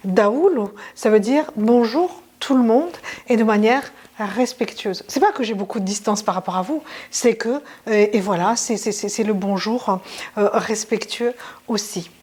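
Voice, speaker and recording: A woman's voice: medium pitch, a little slow, a little mellow, breathy edge. A woman teaching a language lesson in a casual, chatty way, with many fillers and restarts.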